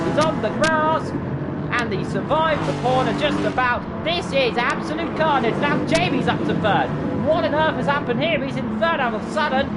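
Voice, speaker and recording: A motorsport commentator calling an online race live in a dramatic, exclamatory and colloquial way, with playful exaggeration. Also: medium pitch. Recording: very noisy, engine and vehicle noise.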